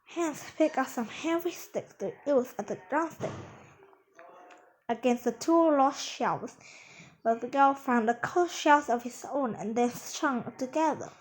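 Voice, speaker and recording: High-voiced woman reading a storybook. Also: poor audio. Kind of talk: reading a children's adventure book aloud.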